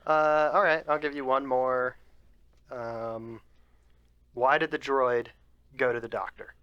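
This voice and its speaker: Man, bright tense tone, dry close sound, playful teasing, podcast co-host. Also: medium pitch, steady tone, takes it slowly, clean tone, no echo, highs cut off. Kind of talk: casual chat.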